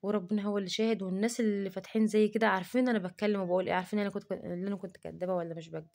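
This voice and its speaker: Egyptian woman vlogger, rapid-fire indignant rant, mid-pitched voice. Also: steady tone, creaky, a little mellow. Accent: Egyptian Arabic. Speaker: cooking vlogger. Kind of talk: casual talking-to-camera vlog.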